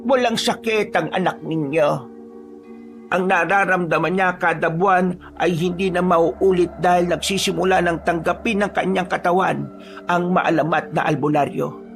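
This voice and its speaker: A wise old village healer woman with a high, gravelly voice, as a man puts her on. She speaks calmly and knowingly in a spoken horror tale. Faint music plays under her. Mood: solemn. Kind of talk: storytelling voice acting.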